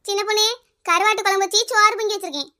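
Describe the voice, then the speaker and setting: A kindly neighbour auntie in a comedy cartoon, fond and coaxing, with a Kanyakumari Tamil accent. Her voice is very high and bright. She talks at a quick clip. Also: steady tone. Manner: coaxing, fond, keeps calling her by pet name. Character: kindly neighbour woman Gomathi, elder-sister type.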